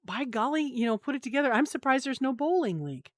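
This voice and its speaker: A woman's voice: high voice, animated, quick pace, no room sound, studio quality. A woman co-hosting a casual gaming podcast, talking in a chatty, rambling way with lots of fillers. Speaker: co-host.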